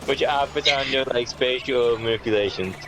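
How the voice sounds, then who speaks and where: This man's mid-range voice is brisk as he chats casually during a video game, building an argument one point at a time. Game music plays behind him, and there's background noise.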